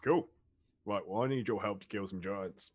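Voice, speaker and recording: A man's voice: on the low side, normal speed, darkish tone. A man playing an orc in a tabletop game, brash and blunt in casual in-character talk.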